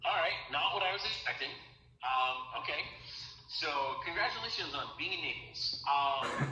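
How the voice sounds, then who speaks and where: A man's voice: on the high side, expressive, moderate pace, pushed and bright. A business owner answering a sales call from his parked car, friendly and full of questions. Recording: echoey phone call.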